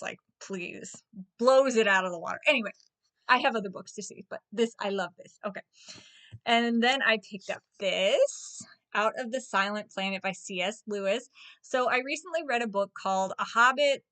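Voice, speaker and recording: A woman's voice: medium pitch, pushed and bright. A woman in her thirties chatting casually about her books as a vlogger, gushing and full of fillers. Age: 30s. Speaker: book vlogger. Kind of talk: casual book chat.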